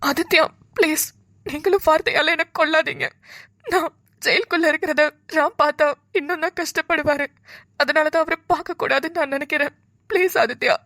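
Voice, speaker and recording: A woman's voice: high-pitched, fairly even intonation, brisk, a bit bright, dry recording, clean studio sound. A woman voicing a devoted, tender young woman in a cartoon, pleading and near tears. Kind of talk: cartoon voice acting.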